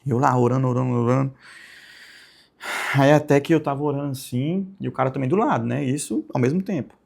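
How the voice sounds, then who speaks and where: A young man with a lilt shares a personal testimony in a soft, meandering way. His voice carries a gravelly rasp at the bottom, set at an ordinary pitch for a man. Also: a little fast. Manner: soft-spoken, rambling storytelling with frequent tag questions. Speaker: channel host giving testimony.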